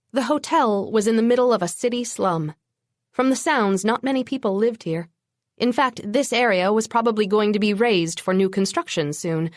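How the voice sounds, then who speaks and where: A woman's voice: mid-range voice, no echo, studio quality. Woman narrating a wry urban fantasy audiobook. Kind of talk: first-person audiobook narration.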